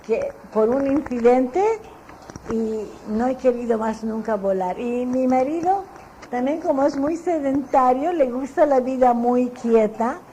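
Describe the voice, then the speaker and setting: An older woman with a Filipino Spanish accent recalls family stories, rambling warmly from one memory to the next and laughing at herself. Her voice is mellow and sits a little high. A faint hiss runs under it. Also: measured pace, rough recording. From Philippines. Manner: chatty, meandering, often laughing at herself. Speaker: interviewee. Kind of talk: relaxed storytelling recollection.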